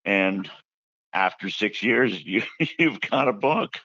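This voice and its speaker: Deep-voiced guy spinning stories in an interview, kinda dull muffled sound. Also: animated, slow, bright, forceful tone, no room sound. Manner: chatty anecdotal storyteller who acts out quotes. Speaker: author interviewed about his book. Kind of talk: casual interview storytelling.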